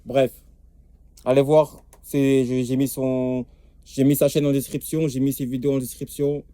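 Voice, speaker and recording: Young male vlogger, mellow low-bright tone, streetwise and emphatic, keeps checking in with the listener. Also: little pitch movement, moderate pace, dry recording. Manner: streetwise, repetitive, emphatic, keeps asking "tu vois". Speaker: language-learning vlogger. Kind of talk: casual slangy talk to camera.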